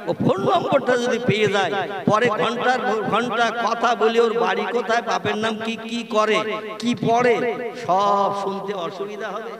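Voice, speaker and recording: A man preaching a sermon to a big gathering, joking and quizzing the listeners. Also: high-pitched. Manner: humorous, questions the crowd. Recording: echoey hall, crowd noise.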